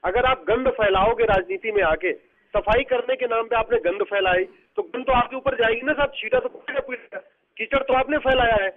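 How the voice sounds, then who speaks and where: A man's voice: very high voice, normal speed. A man speaking as a party spokesman in a heated live phone interview, combative and mocking, firing off accusations. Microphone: telephone. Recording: tinny phone line.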